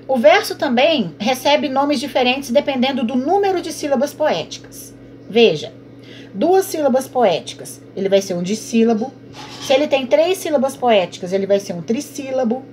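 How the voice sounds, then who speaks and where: Teaching online, this woman sounds animated, with a darkish tone, moderate pace, and a voice slightly higher than average. She explains with patience and frequently poses and answers her own questions. Faint noise sits beneath the recording.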